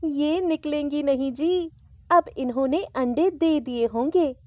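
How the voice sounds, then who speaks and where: A woman's voice: sits high, unhurried, mellow, dry recording, voice pushed up. A woman voicing an amused mother in a children's story who teases her husband mockingly. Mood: teasing. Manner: mocking, teasing. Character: teasing, amused mother laughing at father.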